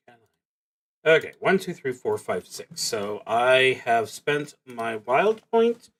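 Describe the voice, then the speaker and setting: A man streaming a solo roleplaying game narrates it casually, thinking aloud haltingly and muttering to himself between announcements. His voice is mid-range and a bit bright.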